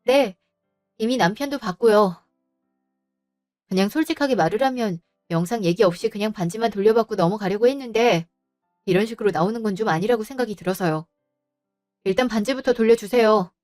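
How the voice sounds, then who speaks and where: A woman's voice: mid-range voice, darkish tone, dry recording, faint music behind, natural voice. Woman playing a firm, wronged daughter-in-law. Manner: polite but firm, measured.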